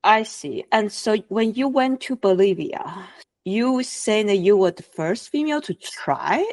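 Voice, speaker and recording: A woman's voice: medium pitch, expressive, unhurried, a little mellow. A woman hosting an interview, inquisitive and checking facts back with her guest. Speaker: podcast host. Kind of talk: interview questions.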